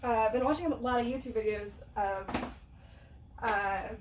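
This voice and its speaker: A woman's voice: fairly high pitch, normal speed, noisy background. A woman chatting casually to camera while painting, giggly and self-mocking. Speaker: vlogger. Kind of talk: casual home vlog.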